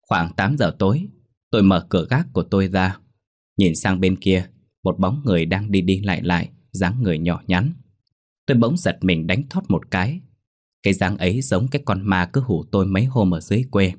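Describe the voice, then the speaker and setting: A young man calmly narrating a first-person ghost story. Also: deep voice.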